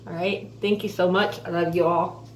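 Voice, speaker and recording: A woman vlogger talks casually and earnestly, rambling and pausing as she goes. Her missing front teeth soften and slur her F sounds, and her voice sits a little low. The recording is echoey and somewhat distant, with faint noise behind her. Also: steady tone. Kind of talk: casual personal update vlog, chatty. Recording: roomy echo, distant mic, faint noise.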